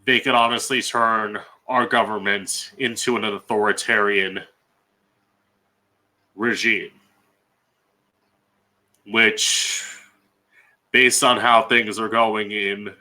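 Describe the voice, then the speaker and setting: Drag queen host, American man: slow-paced, bright and sharp, blunt opinionated solo commentary. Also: on the low side, low-quality recording. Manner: blunt, emphatic, frequent swearing.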